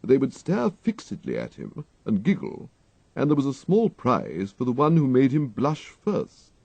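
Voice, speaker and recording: A man voicing an unflappable English gentleman's manservant, deferential and deadpan, with formal, measured phrasing. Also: mid-range voice, gravelly, slightly rough, no echo, lo-fi sound, voice pushed up, full character voice. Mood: deferential, composed.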